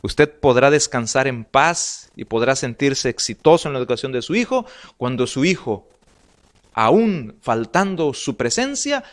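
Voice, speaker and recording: A man with a Salvadoran Spanish accent giving an earnest family life sermon, reading slides aloud and repeating words as he goes. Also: mid-range voice. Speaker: pastor.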